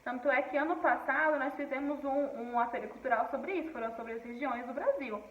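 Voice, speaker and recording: A teacher originally from Paraíba in Northeast Brazil, now with a Brasília Portuguese accent, explains a textbook lesson to her class, often checking in with "tá bom?". Her voice is high and brisk, the audio dull and roomy with the mic far away.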